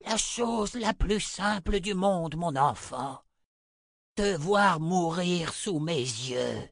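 A man doing a slow, menacing old witch. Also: high-pitched, animated, creaky, fairly bright tone, no room sound, clean studio sound, pitched above the performer's own voice, exaggerated voice. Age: older. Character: ancient cunning witch mother, old woman.

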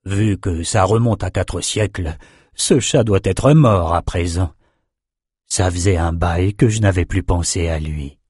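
A man's voice: deep voice, a little slow, darkish tone, husky, dry recording, clean studio sound, pitched below the performer's own voice. A man voicing a wry, rambling old wizard in an audiobook. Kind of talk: audiobook character voice.

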